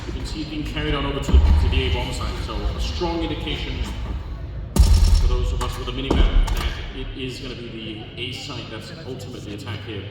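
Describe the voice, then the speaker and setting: A man's voice: medium pitch, fairly even intonation, fast, distant mic. A man working as an esports caster, mixing match commentary with conversational analysis. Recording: echoey hall with loud music behind.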